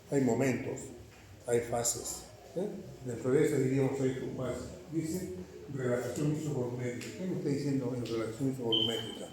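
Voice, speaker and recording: A man's voice: mid-range voice, a little mellow, a little hiss or hum. A man lecturing a class, questioning his students rhetorically and checking in with frequent "right?" tags. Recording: echoey classroom recorded from far off.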